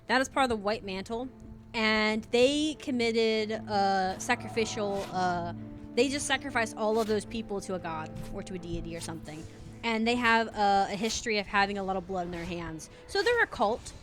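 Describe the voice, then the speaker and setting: A woman's voice: medium pitch, a bit bright. A woman giving casual, chatty commentary as she streams a game. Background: game music.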